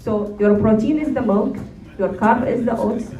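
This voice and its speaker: A woman's voice: on the high side, fairly quick, mellow, highs cut off. A woman with an Iraqi Arabic accent giving informal, instructive advice in answer to an audience question, often checking that she is understood. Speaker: nutrition expert answering questions. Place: room at a public talk, distant mic. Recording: roomy echo, far from the mic.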